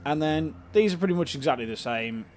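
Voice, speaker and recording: A man's voice: fairly high pitch, animated, fairly quick, darkish tone, slight background noise. A British man hosting a let's play, casually explaining a game's menus and items with frequent ums and uhs. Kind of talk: casual game commentary.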